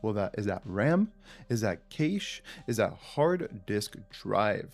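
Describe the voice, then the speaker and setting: With a voice on the low side, big pitch swings and a slow pace, a livestream host from France chats with viewers during a casual quiz. French is his first language, he has a French accent, he thinks out loud, and soft music plays in the background.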